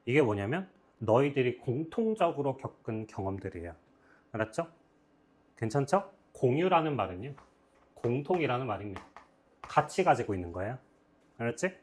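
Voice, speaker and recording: A man teaching English grammar, his voice rising and falling a lot as he walks through each sentence. He stops often to check whether the class has followed. His pitch sits in the middle of the usual range. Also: sing-song, moderate pace, pauses often. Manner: explains step by step, checks often with "got it?". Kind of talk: grammar lecture.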